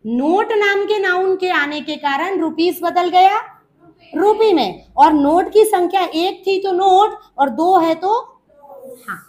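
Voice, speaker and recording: A woman's voice: very high voice, takes it slowly, darkish tone. A woman teaching an English grammar lesson, patiently repeating points and quizzing her students, whom she calls child.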